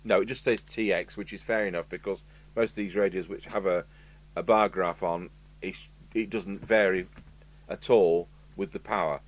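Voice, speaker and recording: Low-voiced and steady at a normal speed, this British radio repair technician talks himself through a hands-on review in a relaxed, matter-of-fact, musing manner. He's in an indoor electronics workshop, with clear background noise and an electrical hum.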